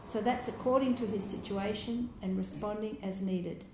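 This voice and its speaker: A woman giving a Buddhist dharma talk as a meditation teacher, speaking gently and reflectively, with soft laughs and small hesitations. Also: medium pitch, fairly even intonation, moderate pace. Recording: roomy hall with faint background noise.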